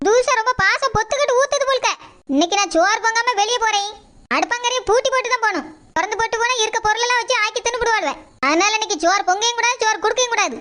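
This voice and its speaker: A woman's voice: extremely high pitch, rapid-fire, pushed and bright. A woman voicing a scheming young daughter-in-law and mother who grumbles and mutters sarcastically in a comic skit. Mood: grumbling.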